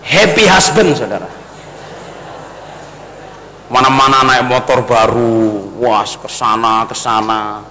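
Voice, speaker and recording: A man's voice: medium pitch, takes it slowly, pauses often, pushed and bright. A middle-aged man, preaching a storytelling sermon to his congregation and calling them brothers and sisters. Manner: addresses the congregation as brothers and sisters, mixes in Javanese. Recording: long hall reverb, faint noise.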